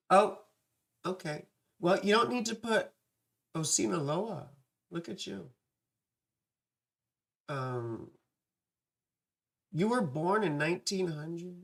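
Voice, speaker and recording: An astrology livestream host with a dry, parched vocal fry, chatting casually with viewers in a playful, scattered way, often breaking off into affectionate asides. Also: medium pitch, expressive, slow, long pauses.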